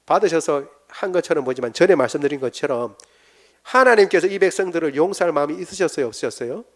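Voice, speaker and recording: Questioning Korean pastor teaching a seminar. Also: male voice, fairly high pitch, expressive, fast. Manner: asks the congregation questions and acts out quotes.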